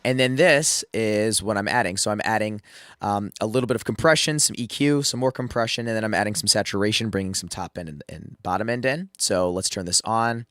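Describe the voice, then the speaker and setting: Sick and losing his voice, a male music producer casually teaches drum mixing in a screen-share tutorial, with lots of fillers and restarts. He speaks a little fast in a voice on the low side with a slight brightness, captured in a dry, studio-quality recording.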